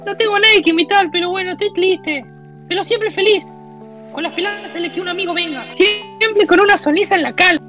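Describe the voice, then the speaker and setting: Una lata de tomate macho, presumida y solitaria, interpretada por una mujer, habla con acento argentino en un sketch cómico de recorrido por su casa. La voz es altísima y muy brillante, descarada, y cambia de la fanfarronería a la autocompasión burlona. Se oye una música suave de fondo. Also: female voice, extremely high pitch, a little fast, sharp tone, faint music behind. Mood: self-pitying. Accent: Argentine Spanish. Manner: cheeky, boastful, self-pitying jokes, sudden yelps. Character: boastful lonely male talking tomato can, childish. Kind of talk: comic house-tour sketch.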